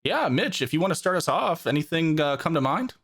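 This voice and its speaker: A man's voice: fairly high pitch, very animated, brisk, a bit bright, breathy edge. A young man co-hosting a casual podcast chat, rambling and searching for words as he talks. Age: young adult. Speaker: podcast co-host.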